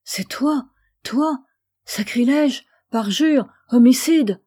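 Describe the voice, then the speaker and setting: A woman's voice: medium pitch, fairly even intonation, unhurried, warm tone, natural voice. A woman reading the lines of an anguished young male warrior in a novel audiobook, in a grieving, pleading manner. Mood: accusing.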